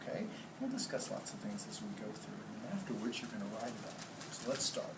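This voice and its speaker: In an indoor classroom, a man with a lowish voice reads a story aloud expressively, his pitch swinging widely at a quick pace, and asks the children questions. The distant mic picks up a roomy, noisy room.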